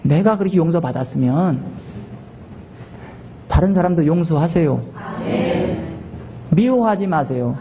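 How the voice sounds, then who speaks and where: A male pastor delivering a Sunday sermon, emphatic, swinging between shouted exhortation and quiet conversational asides. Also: on the high side, lively intonation, unhurried, pauses often, highs cut off, a little hiss or hum. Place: church sanctuary.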